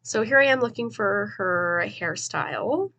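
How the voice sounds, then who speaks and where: A young woman with a stuffy, slightly nasal voice of medium pitch sounds pushed and bright, expressive and measured in pace. She's a gaming video host doing casual voice-over commentary, chatting and rambling through a game build with fillers and laughs.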